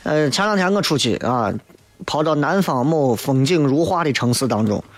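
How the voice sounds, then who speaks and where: A radio show host from Xi'an, Shaanxi, China, speaks with a Shaanxi accent in a slightly high, expressive voice at a moderate pace, over background music. On his casual radio chat he reads out and answers listener messages in a playful, teasing, colloquial way.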